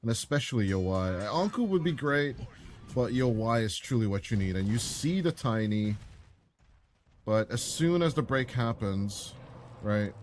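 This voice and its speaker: A man giving relaxed, chatty color commentary and analysis on an esports match. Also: mid-range voice, a little slow, a little hiss or hum.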